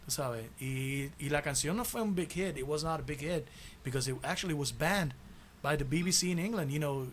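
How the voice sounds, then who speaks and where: A man's voice: fairly high pitch, brisk, fairly bright tone, slight background noise. A man, a tribute band musician chatting casually about music history, enthusiastic, laughing often and humming snippets of songs.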